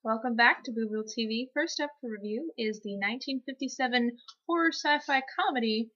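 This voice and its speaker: A woman co-hosts a horror movie review show as a horror host. Her voice is bright and a little high, heard through a dull, lo-fi recording. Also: fairly quick.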